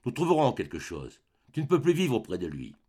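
Kind young son in an audiobook, soft and steady, reassuring, read by a man. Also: medium pitch, fairly quick, breathy edge. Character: gentle young man comforting his mother. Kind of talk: audiobook character voice.

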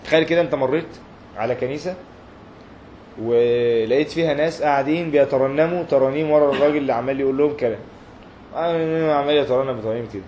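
A man with an Egyptian accent giving an animated religious lecture and acting out short dialogues. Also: mid-range voice, quick pace, highs cut off, a little hiss or hum. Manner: animated, acts out little dialogues. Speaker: preacher.

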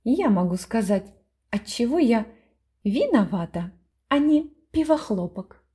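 A woman's voice: a little high, sing-song, a little slow, dark tone, slightly rough, full character voice. A woman voicing a teasing grown daughter who needles her brother.

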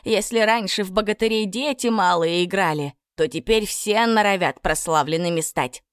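A woman voicing a sharp-tongued invisible household spirit that jeers in a sneering way. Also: high-pitched, sing-song, moderate pace, no room sound, clean studio sound, voice pushed up. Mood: scornful. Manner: sneering, jeering.

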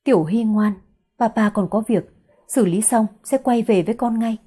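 A woman's voice: fairly high pitch, moderate pace, warm tone, breathy edge. A woman reading the lines of a stern, commanding young father in an audiobook. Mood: gentle. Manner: curt, commanding.

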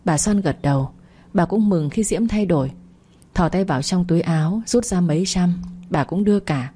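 Husky-voiced woman narrator. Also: fairly low pitch, moderate pace, warm tone. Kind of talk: audiobook story narration.

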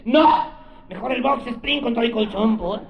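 A male comedian voicing a wildly demanding woman heard through a hotel wall, in a high, breathless, squealing voice. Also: normal speed, muffled recording. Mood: frenzied.

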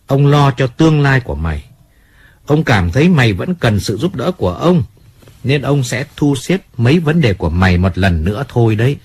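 A man voicing a calm, businesslike male family adviser in an audiobook, speaking firmly and plainly. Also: mid-range voice, husky. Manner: measured, firm, businesslike.

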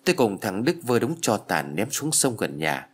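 A man narrating a first-person ghost story in an expressive reading. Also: fairly low pitch, normal speed.

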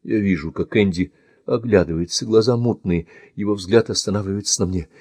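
Husky low male audiobook narrator. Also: brisk, a little mellow, dry recording, clean studio sound. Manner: tense, emotive storytelling. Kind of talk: dramatic first-person audiobook narration.

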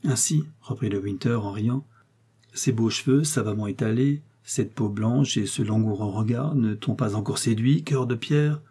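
A man's voice: lowish voice, normal speed, dark tone, husky. A man voicing a scornful nobleman who taunts his prisoner with laughing sarcasm, in an audiobook reading. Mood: mocking. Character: mocking English nobleman, scornful jailer.

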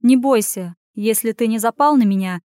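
A woman's voice: a little high, dark tone, no room sound, studio quality, lightly acted. A woman voicing a brash young heroine who gives blunt, commanding orders. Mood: wry. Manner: commanding, blunt, quick-tempered.

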